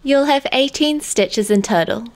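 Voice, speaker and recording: A woman host narrating a crochet tutorial in a calm, step-by-step instructional manner. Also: sits high, a little slow. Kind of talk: scripted tutorial voice-over.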